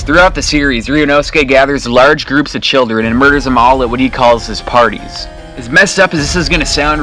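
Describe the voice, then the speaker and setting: A man's voice: mid-range voice, pushed and bright, rough recording. A man narrating a scripted top ten countdown as host, giving opinionated commentary in a blunt, casually profane manner.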